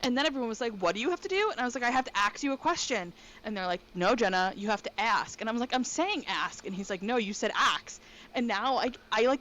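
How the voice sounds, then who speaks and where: A woman co-hosting a casual podcast chat from her bedroom, talking quickly and excitably. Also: fairly high pitch. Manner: fast, excitable talker. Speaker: podcast co-host. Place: bedroom at home. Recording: dull lo-fi with faint noise.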